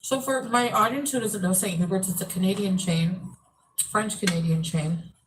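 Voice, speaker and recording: A woman's voice: mid-range voice, moderate pace, slight background noise, low-quality recording. A woman chatting casually as a video host, telling a rambling story and acting out bits of conversation.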